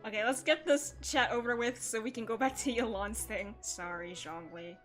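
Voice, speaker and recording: A woman hosts a casual gaming livestream, chatting playfully about the game and reading bits of its dialogue aloud. Her voice is a little high and moves at normal speed, heard over music.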